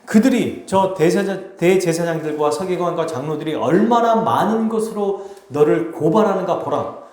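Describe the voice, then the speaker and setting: Animated Korean pastor preaching in an echoey church. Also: male voice, high-pitched, moderate pace. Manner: animated preaching, acts out quoted speech. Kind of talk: expository sermon. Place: church sanctuary. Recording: roomy church echo.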